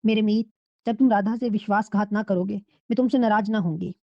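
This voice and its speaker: A woman voicing a tender, jealous, lovesick female spirit who speaks softly and with longing, in a storybook reading. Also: mid-range voice, steady tone, no room sound, lightly acted. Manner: tender, longing, speaks with Sanskrit-flavoured words. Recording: dull, dry lo-fi recording.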